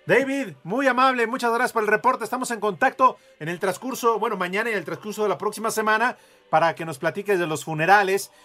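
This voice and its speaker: High-voiced Mexican man hosting radio. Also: quick pace, bright, forceful tone. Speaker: radio sports show host. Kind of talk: joking live radio banter.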